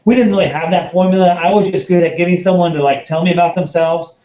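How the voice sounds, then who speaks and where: A man's voice: high voice, steady tone, quick pace. A man telling his network marketing story in an interview, blunt and emphatic, speaking from home. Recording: roomy, dull lo-fi sound.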